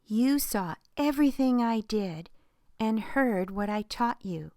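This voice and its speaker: A woman voicing Jesus as a calm, reassuring grown man in a children's Bible storybook, in her own gentle, unhurried voice. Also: on the high side, dry recording, studio quality. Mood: earnest.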